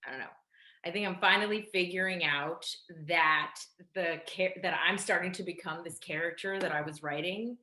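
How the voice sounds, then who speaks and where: A woman performing a candid, confessional monologue over a video call, swinging between loud and soft. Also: lowish voice, normal speed, reverberant, rough recording. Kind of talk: theatrical monologue.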